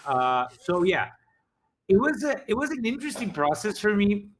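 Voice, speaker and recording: A man's voice: high-pitched, sing-song, normal speed, a little hiss or hum. A man talking casually as a game master, rambling with frequent restarts while reflecting on his campaign. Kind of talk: casual after-show chat.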